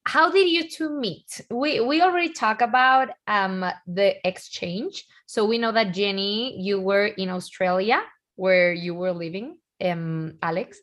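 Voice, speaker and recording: A woman hosting a casual interview, asking questions in a friendly way with halting phrasing and many fillers. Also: medium pitch, fairly bright tone.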